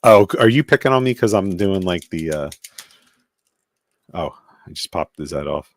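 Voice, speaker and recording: A man's voice: deep voice, expressive, normal speed, no room sound. A man hosting a live stream, casually reviewing an action figure and thinking aloud as he handles it. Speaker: toy collector host.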